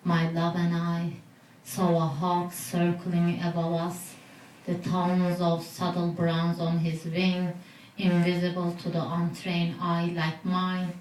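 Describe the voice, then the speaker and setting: A woman recites her poetry slowly and deliberately in a slightly low voice. She is recorded from a distance in a roomy bar, and a faint hum sits under her words. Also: monotone, a little mellow. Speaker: poet. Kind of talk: poetry reading. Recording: roomy, distant mic with noise.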